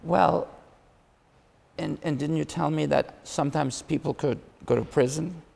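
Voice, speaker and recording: Man, very gravelly voice, interviewer, hesitant fillers, long reverb. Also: on the high side, fairly even intonation, measured pace, darkish tone. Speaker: interviewer host.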